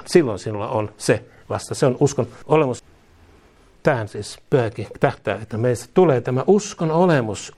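A man's voice: a little high, darkish tone. Fervent Finnish preacher man. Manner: fervent, emphatic, repeats phrases, chuckles at his own asides. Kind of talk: sermon.

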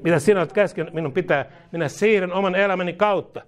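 Male prayer leader, slightly high voice, fervent charismatic style, repeats phrases, speaks in tongues. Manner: repeats each phrase, commanding declarations.

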